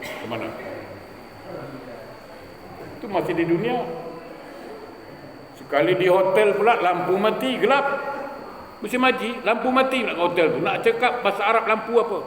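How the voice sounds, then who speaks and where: Male preacher, high voice, animated storyteller who acts out his characters, recorded in a big echoing hall. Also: moderate pace, long pauses, slight background noise. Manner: storytelling, acting out quoted voices. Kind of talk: humorous mosque sermon. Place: mosque hall. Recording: echoey mosque hall, faint ambience.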